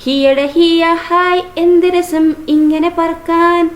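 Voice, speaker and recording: A woman voicing a playful young male paper kite, drawn out and high, gleeful in flight and pleading when tugged. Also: fairly even intonation, takes it slowly. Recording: roomy echo.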